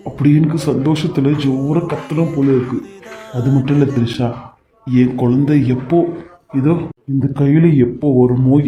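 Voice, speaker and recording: A man voicing a devoted husband and father-to-be in an animated serial, emotional and reassuring. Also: medium pitch, natural voice. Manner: emotional, reassuring, talks in long rushes. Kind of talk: cartoon serial voice acting. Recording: dull lo-fi audio with faint music.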